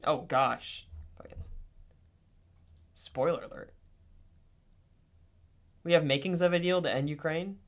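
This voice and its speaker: A young man livestreaming casual commentary, swearing freely and swinging between low mutters and excited outbursts. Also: slow, long pauses.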